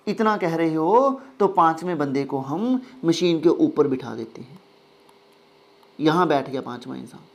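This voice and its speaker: Young guy teaching a class, coaxing, repeats stuff to drill it in. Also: fairly high pitch. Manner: coaxing and repetitive, drills points by repeating phrases. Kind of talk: classroom lecture.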